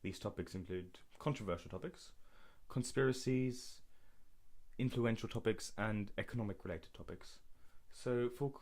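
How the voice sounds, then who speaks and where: A young adult man from Berlin, Germany co-hosts a casual podcast, chatting informally with listeners. His voice is lowish and darkish, at a moderate pace.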